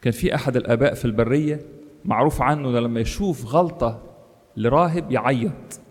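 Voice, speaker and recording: Egyptian preacher in a reverberant hall. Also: male voice, fast. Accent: Egyptian Arabic. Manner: animated, rises in pitch for quoted voices and emphasis. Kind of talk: sermon.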